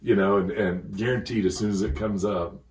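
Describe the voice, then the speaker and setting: A man's voice: fairly low pitch, fairly even intonation, moderate pace, darkish tone. A middle-aged man as a podcast guest, chatting casually and rambling through stories while laughing along. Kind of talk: casual chat, storytelling. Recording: echoey room, distant from mic.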